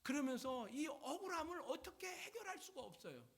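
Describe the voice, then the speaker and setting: Animated high-voiced male pastor. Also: a little fast, gravelly. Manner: animated, conversational preaching. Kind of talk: sermon.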